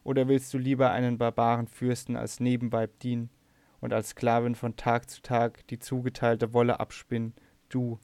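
Despairing abducted princess, read by a man, raised lament, narrow pitch, dry. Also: monotone, normal speed, no echo, natural voice. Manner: lamenting, pleading, a little louder than the narration. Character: despairing young princess abducted to a strange shore.

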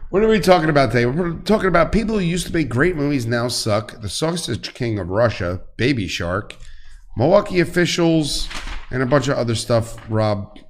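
A man hosts a live show in a loose, joking way, crude and quick to tease the people beside him. His voice sits at an ordinary pitch. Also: lively intonation. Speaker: show host. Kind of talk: casual banter on a live show.

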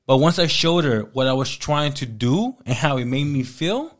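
A man's voice: medium pitch, normal speed. A man in his thirties telling his life story as an interview guest, casually and with lots of acted-out dialogue. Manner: animated, acts out quoted dialogue.

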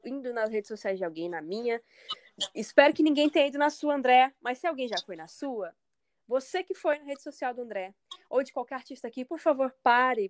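A woman's voice: sits high, dry recording. A woman from Brazil, a singer, speaking candidly and emphatically in a casual interview, acting out the comments of others.

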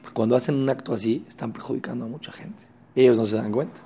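A man giving a religious lesson on Torah ethics, talking in an animated way and acting out the people he quotes. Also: mid-range voice, rapid-fire, slight background noise. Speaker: Torah teacher.

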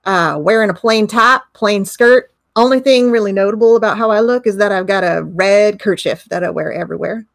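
A woman's voice: medium pitch, fairly quick, vocal fry, hardly any pauses, no room sound, clean studio sound. A woman with an Appalachian accent, role-playing casually in a tabletop game with folksy, plain-spoken hillbilly talk. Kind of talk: in-character role-play, casual.

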